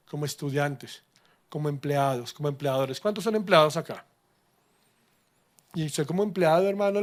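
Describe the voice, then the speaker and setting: A middle-aged man, preaching a lively sermon with humor and questions to the congregation. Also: high-pitched. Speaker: pastor.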